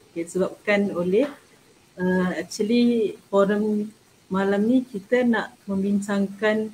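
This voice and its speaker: A woman with a Malaysian accent informally moderating an online forum, haltingly and with English phrases mixed in. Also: medium pitch, a little mellow. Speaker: panel host, moderator. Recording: noisy online call.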